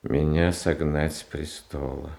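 In a radio adaptation of a classical Russian stage tragedy, a man gives a full character voice to a gentle, naive, frail, pious Tsar who is soft-hearted and pleading. His extremely low, creaky voice barely moves in pitch, and his slow, halting, plaintive, hesitant phrasing carries wounded resignation. The sound is roomy and echoing, like a stage.

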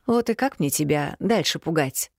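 Brief: a woman doing an invisible male spirit, slow, grumbling, low-voiced storybook guardian. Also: animated, a little mellow, no echo, studio quality.

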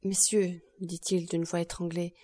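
A woman narrating a classic novel in an audiobook, measured and even. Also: fairly low pitch, breathy edge. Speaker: audiobook reader.

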